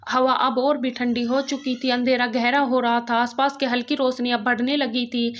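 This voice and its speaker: A woman narrating a dramatic, emotional story in a steady, even-toned reading. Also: a little high, moderate pace.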